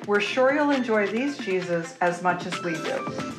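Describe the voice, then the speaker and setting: This cooking demonstration features a middle-aged woman in her home kitchen, guiding viewers through each step with friendly explanations over music. Her mid-range voice has lively intonation and an unhurried pace, but the audio is poor.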